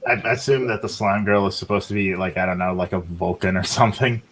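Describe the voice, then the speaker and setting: Low-voiced joking male host. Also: steady tone, quick pace, fairly bright tone, slight background noise. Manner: crude, joking. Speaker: podcast host. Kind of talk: casual podcast chat.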